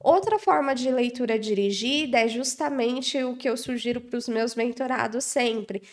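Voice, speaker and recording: High-pitched young woman, online lesson, teacherly, explanatory, frequent check-ins. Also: moderate pace. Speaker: English teacher and mentor. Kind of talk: online lesson on study techniques.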